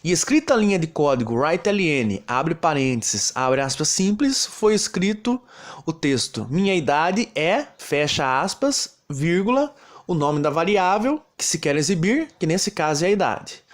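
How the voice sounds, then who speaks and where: A Brazilian man teaches a programming class, walking through each step at an even rate. His voice sits a little high, and his pitch rises and falls a lot as he explains. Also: a little slow. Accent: Brazilian Portuguese. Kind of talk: recorded lesson narration.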